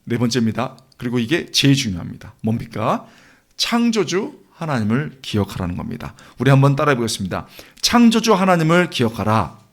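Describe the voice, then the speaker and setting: A man's voice: medium pitch, very animated, brisk. A man preaching a sermon in a church, earnest and asking the congregation rhetorical questions. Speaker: guest preacher.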